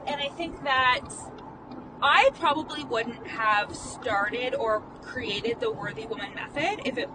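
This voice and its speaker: Behind the wheel, a woman in her late twenties, a life coach who also hosts a podcast, delivers a rambling, candid vlog monologue. She stutters, leans heavily on "like," and swears now and then, her voice a little high. The phone mic is set back from her, and road noise comes through clearly and steadily.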